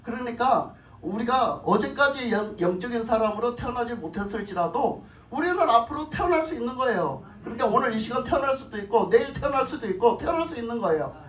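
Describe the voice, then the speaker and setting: A woman's voice: on the high side, lively intonation, a little fast. Woman pastor preaching in an echoey church. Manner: questions the congregation, repeats phrases, chuckles. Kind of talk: sermon. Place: church sanctuary. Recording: echoey room, voice from far off, faint noise.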